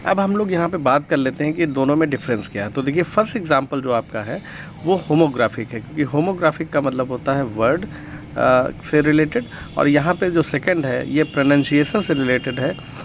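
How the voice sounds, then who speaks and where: A male tutor explains grammar in a gravelly voice. He reads each example sentence slowly and fills his pauses with hesitant sounds. A faint hiss sits under the recording. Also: fairly high pitch. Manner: mixes Hindi and English, reads examples slowly, frequent fillers. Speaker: English teacher.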